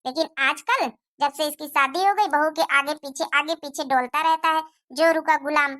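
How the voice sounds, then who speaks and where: A woman's voice: high-pitched, normal speed, a bit bright, no room sound, studio quality. A woman voicing a jealous middle-aged mother-in-law who scolds and complains at length in a cartoon moral story. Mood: complaining.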